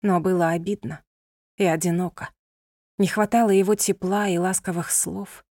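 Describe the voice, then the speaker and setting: A woman's voice: on the low side, steady tone, moderate pace, warm tone, dry recording. Woman narrating a novel, dry close sound. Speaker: audiobook narrator.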